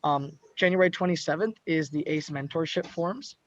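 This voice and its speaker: Speaking at a moderate pace in a fairly high voice, a man runs a student club meeting over video call. He lays out upcoming events casually, peppered with ums and uhs, through muffled call audio.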